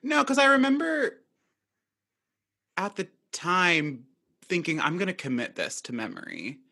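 Young male podcast host, bright tone, theatrical and sarcastic. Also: sits high, big pitch swings, measured pace. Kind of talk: casual podcast chat.

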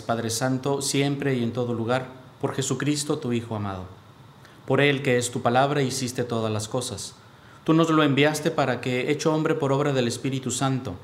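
A male priest leading the prayers of a Mass with steady, solemn recitation, his voice carried by the echo of a large church. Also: mid-range voice. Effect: cathedral echo. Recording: echoey church with faint background hiss.

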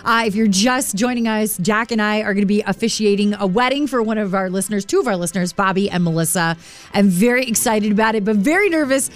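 A woman's voice: medium pitch, fast, faint music behind. A woman co-hosting a morning radio show in a casual, conversational style.

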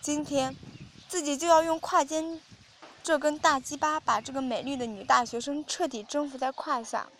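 A woman narrating an audio story in a steady reading voice. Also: high-pitched, moderate pace, a little hiss or hum.

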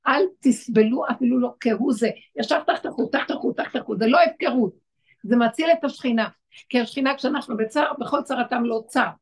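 High, husky woman teaching with fervor. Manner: emphatic, repeating short urgings. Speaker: spiritual teacher leading a women's class. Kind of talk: exhortative religious lesson.

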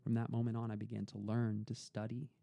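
A young man, appearing as a podcast guest, tells his story in a casual interview, earnest and reflective, often repeating words while he collects his thoughts. His voice is lowish, monotone, fairly quick, creaky and warm. The recording is dry.

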